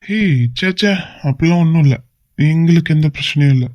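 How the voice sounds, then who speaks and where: An affectionate young husband in a cartoon, voiced by a woman, with a low voice for a woman, coaxing and teasing gently. The sound is dull, lo-fi and dry. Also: a little fast, dry recording, lightly acted. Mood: reassuring. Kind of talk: amateur cartoon voice acting.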